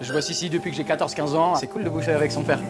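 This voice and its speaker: A man's voice: fairly high pitch, steady tone, racing, over music. A man in his twenties introducing himself confidently as a rap contestant in a reality show interview. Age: 20s.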